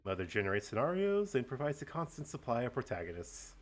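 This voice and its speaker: A man plays a theatrical game villain who savours every taunt with slow, gleeful menace. The pitch swoops widely from line to line, mocking and grand, as the puppeteer toys with a victim. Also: very animated, lightly acted. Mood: grandiose, mocking. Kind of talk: character voicing in a game read-along.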